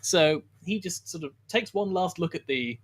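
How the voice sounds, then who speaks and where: A man playing a tabletop game, describing his moves excitably and laughing often. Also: high voice, normal speed, slightly rough. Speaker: player. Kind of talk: casual tabletop play.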